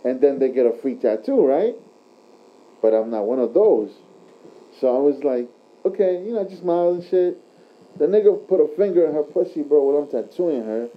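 A man's voice: fairly high pitch, lively intonation, a little fast. A man chatting casually like a frat bro, telling anecdotes in crude slang and punctuating them with bro. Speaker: tattoo artist telling stories. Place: tattoo shop. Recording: dull lo-fi recording.

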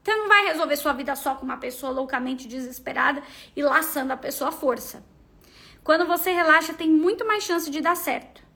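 Bright high-voiced Brazilian woman. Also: fairly quick. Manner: emphatic, teasing, addresses listener directly. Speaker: podcast host giving love advice. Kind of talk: casual advice monologue.

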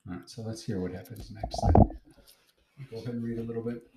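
A man's voice: lowish voice, steady tone, fast talker, echoey room, very noisy. A man teaching a Bible lesson to a child, patiently asking questions and explaining as he reads.

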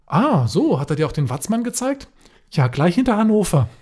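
A man's voice: high-pitched, big pitch swings, a little fast, a little mellow. A man co-hosting a podcast, reading jokes aloud in casual chat and often cracking up while telling them. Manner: reads jokes aloud, often breaking into laughter. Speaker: podcast co-host.

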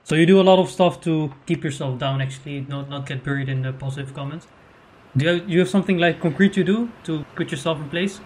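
A man hosting a casual podcast interview, eager and quick to agree with his guest. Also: fairly high pitch, a little mellow, slight background noise. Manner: eager, frequent backchannel agreement. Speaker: podcast host.

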